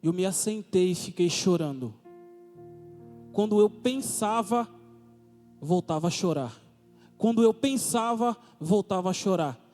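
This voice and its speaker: A man's voice: high voice, expressive, measured pace, pauses often, mellow. A man with a Brazilian accent preaching a testimony sermon, full of fervent repeated rhetorical questions. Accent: Brazilian Portuguese. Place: church. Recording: reverberant church hall with music.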